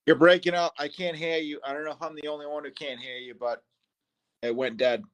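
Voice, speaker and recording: A man with a Boston accent, a student talking in an online class over a video call, hesitant and halting. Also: on the high side, steady tone, a bit bright, clear, resonant tone, rough recording. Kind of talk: casual class discussion.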